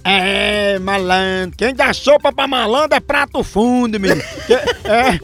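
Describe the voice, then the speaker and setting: A man's voice: sits high, measured pace, a bit bright. A man hosting a radio comedy show, teasing and laughing as he cracks jokes and runs prank calls. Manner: joking, teasing, laughing through lines.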